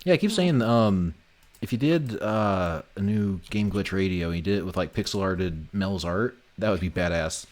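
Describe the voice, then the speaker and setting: A man whose voice sits low, speaking at a moderate pace, hosts a laid-back development livestream on an online voice call. While working on his game he cracks jokes, swears, and sometimes mutters under his breath.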